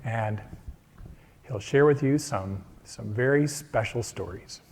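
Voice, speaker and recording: A man's voice: mid-range voice, slow, darkish tone, husky. Man hosting, echoing in a hall. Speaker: church event host. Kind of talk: spoken introduction to an audience. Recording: long hall reverb.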